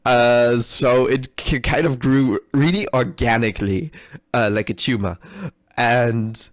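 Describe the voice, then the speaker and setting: A game developer records a reaction video, offering casual, unscripted live commentary that rambles, swears and pokes fun at himself. He's giggly and often breaks into laughter. His mid-range voice has fairly even intonation and a slow pace, and the recording is dry with clean studio sound.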